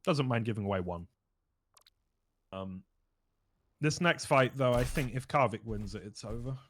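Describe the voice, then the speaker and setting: A man's voice: mid-range voice, moderate pace, a little hiss or hum. A man casting a live esports match, joking and swearing in loose banter with his co-caster. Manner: jokey, swearing, lively banter. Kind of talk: live game commentary.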